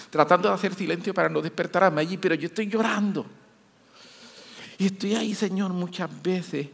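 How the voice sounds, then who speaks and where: A man preaching a sermon with great passion, moving between quiet, hushed passages and loud, rising repetitions. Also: sits high. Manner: impassioned, swinging from hushed to loud. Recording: long hall reverb.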